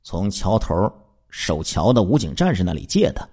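A man voicing a cunning adult male fugitive in a spoken true-crime story, giving him a calm, steady tone. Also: deep voice, normal speed, slightly rough, heavily acted. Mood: calm evasive.

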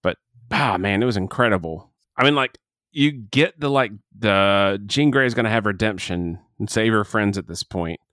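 A man's voice: fairly low pitch, moderate pace, fairly bright tone, no echo, studio quality. A man chatting casually about a movie he just watched, rambling and cutting himself off, with the hiccups. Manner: rambling, self-interrupting, candid. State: has the hiccups. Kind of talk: casual movie review chat.

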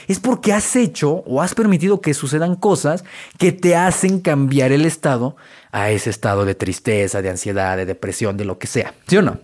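A man with a Mexican Spanish accent hosts a self-help podcast, speaking in a medium-pitched, darkish voice. His motivational monologue is casual and direct, addressing the listener straight on as tú.

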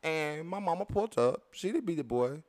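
Higher-voiced man, casual chat. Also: lively intonation, a little fast, a little mellow. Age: 30s. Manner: laid-back storytelling with blunt, profane asides. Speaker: podcast co-host.

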